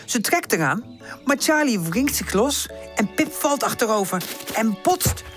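A woman reads a children's storybook aloud in a bright, animated voice that rises and falls freely. Her pitch sits a little high for a woman, and soft music plays behind her. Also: measured pace. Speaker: audiobook narrator.

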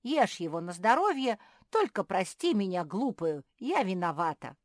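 A woman voicing a fussy, excitable mother hedgehog in a children's storybook reading, with a loud, pleading manner. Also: medium pitch, normal speed, no room sound, clean studio sound, voice pushed up, natural voice.

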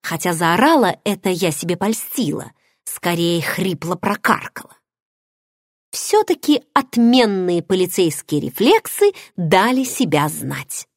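A woman narrating a first-person audiobook in an expressive, dramatic way, recorded close to the mic. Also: on the low side, measured pace, no room sound.

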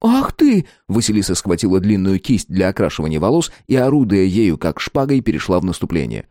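A man narrating an audiobook in an expressive storytelling manner. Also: sits low, fast, dry recording, clean studio sound.

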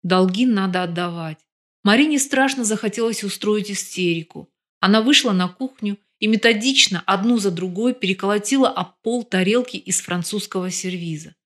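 A woman narrating an audiobook in a steady, even reading voice. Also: mid-range voice, moderate pace. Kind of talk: scripted narration.

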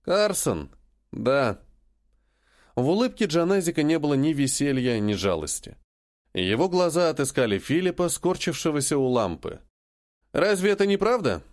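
Guy reading an audiobook, dramatic, super lively pitch. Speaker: narrator. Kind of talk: audiobook narration.

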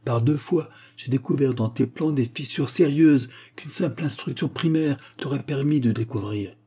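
A man voicing a pompous, educated young man who lectures his companion and is quick to take offense. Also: mid-range voice, dark tone, breathy edge, pitched above the performer's own voice, natural voice. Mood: indignant. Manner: lecturing, indignant.

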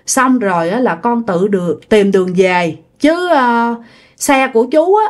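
A woman voicing a slow-spoken, middle-aged male ghostly stranger, talking quietly and drawing out his words. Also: fairly high pitch, expressive. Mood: slow, low-key.

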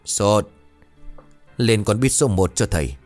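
A man's voice: lowish voice, a little mellow, soft background music. A man doing a sly old exorcist. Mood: sly calm. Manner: chuckling, unhurried. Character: old male exorcist master, calm and sly.

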